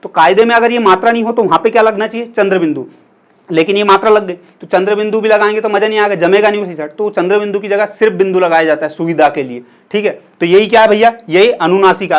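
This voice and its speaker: A young man teaching Hindi grammar in a casual lecture, chatty and asking his students questions as he explains, sometimes stretching vowels out to show how they sound. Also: high-pitched.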